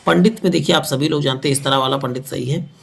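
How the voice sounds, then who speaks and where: Man, fairly high voice, gravelly texture, energetic teacher, emphatic repetition. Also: quick pace, slight background noise. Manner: energetic, emphatic, repeats points. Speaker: Hindi grammar teacher. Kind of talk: online exam-prep lesson.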